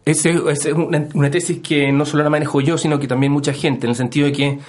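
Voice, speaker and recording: A man's voice: fairly high pitch, little pitch movement, quick pace. Chilean man explaining with many fillers. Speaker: historian guest. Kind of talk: radio interview. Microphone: studio microphone.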